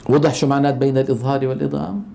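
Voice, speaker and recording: A middle-aged man teaching a lesson on Quran recitation. He asks the class questions, answers them himself and draws out sounds slowly to demonstrate them. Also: medium pitch, fairly even intonation, vocal fry, dark tone.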